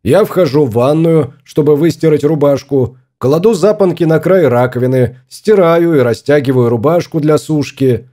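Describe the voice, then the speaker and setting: A man's voice: a little high, normal speed, hardly any pauses, mellow, lightly acted. A man voicing a stubborn, fussy husband exploring space in an audiobook, grumbling and obstinate.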